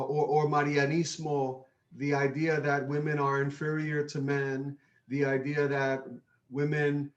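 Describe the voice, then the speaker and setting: A man from the Bronx speaking as a guest in an interview, measured and thoughtful, with many pauses. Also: a little high. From New York (the Bronx). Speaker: guest, father. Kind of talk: reflective interview talk. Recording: roomy, dull lo-fi sound.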